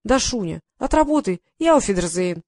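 A woman voicing a brisk, matter-of-fact crew woman explaining a film trick. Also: medium pitch, big pitch swings, a little mellow, no echo, studio quality. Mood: brisk, businesslike.

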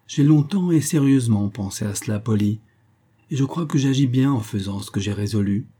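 A man's voice: medium pitch, brisk, dark tone, breathy edge, natural voice. A man voicing a frail, worried father who pleads tenderly with his daughter, in a read-aloud novel. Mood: pleading.

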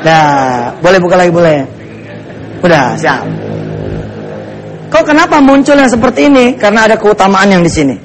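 A man preaching a dawn sermon, joking and teasing his listeners. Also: sits high. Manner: joking, playful asides to the audience. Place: mosque.

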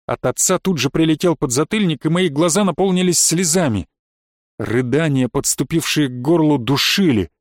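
A man narrating a first-person story in a measured storytelling voice. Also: a little high, no echo, studio quality.

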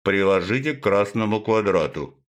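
A cold metallic machine voice at a checkpoint barks curt, repeated orders, put on by a male storyteller. It sits deep and low and comes across loud and firm. The delivery is flat and mechanical, like a robot at a gate. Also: moderate pace. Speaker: narrator. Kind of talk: audiobook narration.

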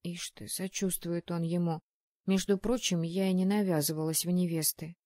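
Woman reading an audiobook, mellow dark voice, very dry close sound. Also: lowish voice, moderate pace, no echo. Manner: lively, expressive storytelling. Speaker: audiobook narrator. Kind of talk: first-person audiobook narration.

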